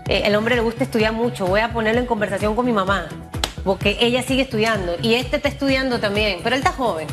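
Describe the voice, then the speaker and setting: Higher-voiced Panamanian woman hosting, music behind. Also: fast talker. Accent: Panamanian Spanish. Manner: informal, direct, colloquial. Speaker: talk show host. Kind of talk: lively conversational broadcast interview.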